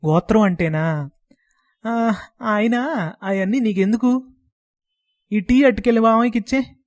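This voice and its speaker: A bossy village aunt scolds in brisk rural speech, as a male storyteller puts her on. The voice sits a little high and is recorded dry and close, with no room sound. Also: no echo. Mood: scolding. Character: scolding village aunt, middle-aged woman.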